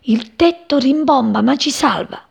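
Woman reader voicing a tiny storybook sparrow lad: high, excitable, a bit raspy. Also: measured pace, exaggerated voice. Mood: urgent. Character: small curious young male sparrow.

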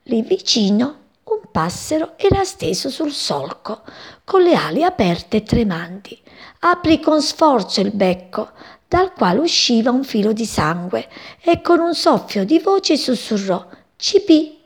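A woman reading a children's story aloud in an expressive storytelling manner. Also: fairly high pitch, a little slow, breathy edge.

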